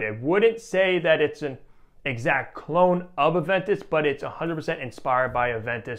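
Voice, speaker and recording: A young man in his twenties casually reviewing a fragrance, animated and enthusiastic, with a lot of "like" fillers, on a clip-on mic. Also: a little high. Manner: animated and enthusiastic, many "like" fillers, gestures with a test strip. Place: room with shelves of perfume bottles. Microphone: small clip-on mic on shirt.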